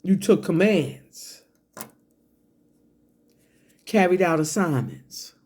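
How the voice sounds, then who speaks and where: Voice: mid-range voice, lively intonation, very slow, darkish tone. A person delivering a confrontational, profane online rant, drawing words out emphatically one at a time. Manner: sipping a drink between phrases, coughing and clearing throat.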